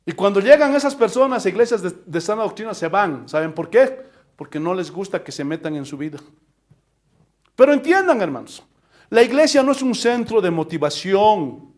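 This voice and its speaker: Man, pastor, high voice, fervent emphatic sermon. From Bolivia. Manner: impassioned, emphatic preaching with rhetorical questions.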